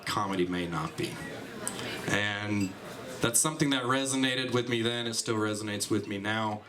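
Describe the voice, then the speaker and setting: Earnest, lower-voiced man at a club mic. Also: normal speed, crowd noise. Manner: earnest, sincere. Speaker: comedian. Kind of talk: heartfelt tribute speech.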